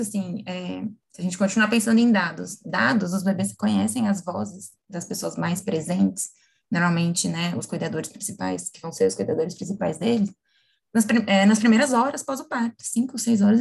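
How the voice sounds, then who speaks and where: A woman, explaining things in a lively, casual conversation, often asking her listeners "right?". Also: mid-range voice, a little fast, gravelly, husky. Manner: animated, acts out imagined quotes, frequent tag questions.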